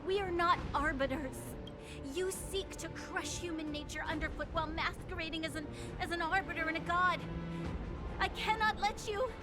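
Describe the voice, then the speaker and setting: A woman's voice: extremely high pitch, normal speed. A woman playing an earnest, defiant young noblewoman in a dramatic video game scene. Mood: solemn defiance. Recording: loud game music underneath. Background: dramatic game music.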